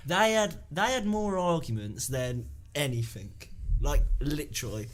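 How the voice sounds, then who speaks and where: A man's voice: on the high side, unhurried. A young man telling a school story on a casual podcast, laughing as he goes. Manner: animated, laughing through his story. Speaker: podcast co-host.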